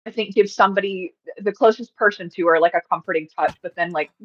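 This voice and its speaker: A woman player in a tabletop role-playing game, describing her character's actions in a slow, hesitant way and searching for her words. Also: mid-range voice, a bit bright, muffled recording.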